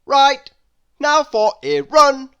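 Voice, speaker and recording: Storybook role: busy, bossy man acted by a woman, raised pitch, loud, commanding, emphatic. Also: big pitch swings, drawn-out words, muffled recording, heavily acted. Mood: bossy, insistent. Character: bossy, busy man barking out endless chores.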